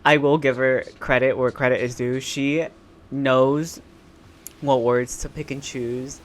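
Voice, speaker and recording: A man with a sassy, slangy drag queen manner giving casual reaction commentary, with a show playing quietly behind him. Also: medium pitch, little pitch movement, slow, a little hiss or hum. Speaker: reaction video host. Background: show audio playing quietly.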